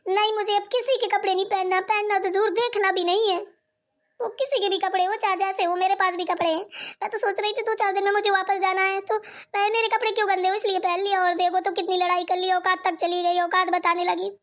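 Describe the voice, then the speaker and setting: A woman's voice: very high-pitched, level tone, brisk. A woman voicing a sulky, tearful young woman who complains in a whiny voice in a cartoon. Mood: indignant. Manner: whiny, complaining between sobs. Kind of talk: cartoon voice acting.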